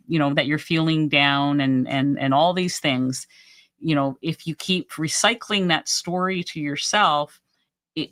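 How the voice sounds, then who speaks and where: A woman's voice: low voice, a bit bright. A woman hosting a casual live stream who answers viewer comments in an encouraging way. She often restarts and repeats her words, and says she is losing her voice.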